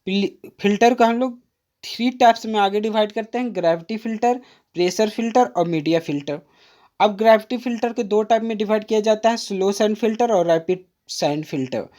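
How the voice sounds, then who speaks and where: Woman tutor explaining exam stuff step by step, mellow soft tone, keeps repeating terms, slows down for definitions. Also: medium pitch. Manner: patient, repetitive, addresses viewers as friend, mixes in English terms; reads English definitions aloud slowly. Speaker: diploma course tutor. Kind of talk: exam-prep lecture, explaining a diagram.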